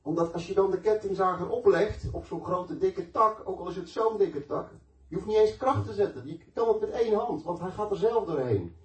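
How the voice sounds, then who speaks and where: A man's voice: high voice, brisk. A man preaching a sermon, telling stories in a conversational, emphatic way and mixing in personal testimony. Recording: echoey room, mic at a distance.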